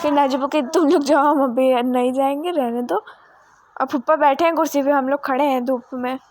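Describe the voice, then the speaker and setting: A woman's voice: high-pitched, fairly even intonation, moderate pace, heavy background noise. A young woman narrating a casual family vlog outdoors in a village, chatty and rambling, mixing English words into her storytelling. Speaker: vlogger.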